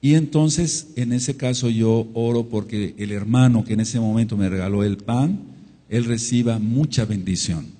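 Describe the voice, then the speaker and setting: A man's voice: medium pitch, moderate pace, warm tone. A man with a Mexican Spanish accent teaching a sermon-style Torah study, repeating phrases for emphasis and calling out amen and hallelujah. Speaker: congregation teacher. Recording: long hall reverb.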